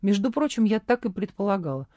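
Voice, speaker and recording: A haughty, suspicious woman answers in a cold, curt tone, voiced by a woman reading an audiobook. She speaks lower and slower than the narration, with a clipped, mocking manner. The sound is dry and close. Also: sing-song, dark tone, no echo, natural voice.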